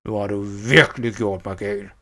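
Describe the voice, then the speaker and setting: A grotesque brute of a janitor, as a male reader puts him on, roaring and snarling in a low, rough voice. The voice sounds set back from the mic, with a roomy edge. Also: dark tone, exaggerated voice. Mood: furious.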